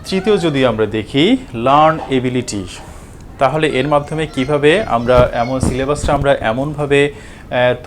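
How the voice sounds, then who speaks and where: Male teacher, mid-pitched, hesitant lecturing, faint background noise. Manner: halting, many fillers and restarts. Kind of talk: explanatory lecture.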